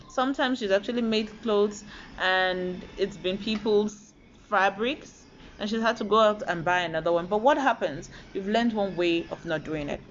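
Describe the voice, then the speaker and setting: A woman from Nigeria gives a motivational talk, telling stories in a lively, animated way. The recording sounds a little dull, with a faint hiss underneath. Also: mid-range voice. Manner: animated, storytelling, acts out quoted voices. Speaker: motivational speaker.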